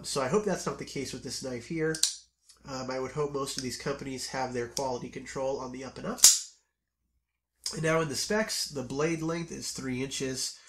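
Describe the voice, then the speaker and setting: A man who is under the weather talks through a knife review in a relaxed, chatty way. His voice is hoarse and scratchy, and he restarts phrases now and then with an um. His pitch sits in a middle range. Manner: relaxed and chatty, with frequent ums and self-corrections. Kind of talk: casual product review to camera.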